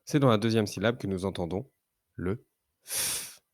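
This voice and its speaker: A man teaching young children to read, sounding out syllables slowly and carefully. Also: fairly low pitch, no room sound, clean studio sound. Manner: slow, careful, drawn-out syllables. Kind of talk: slow reading lesson for young children.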